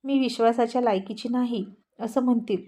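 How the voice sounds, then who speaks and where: A woman's voice: fairly high pitch, fairly even intonation, a little fast, mellow. A woman playing a timid, pleading young woman. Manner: pleading, fearful.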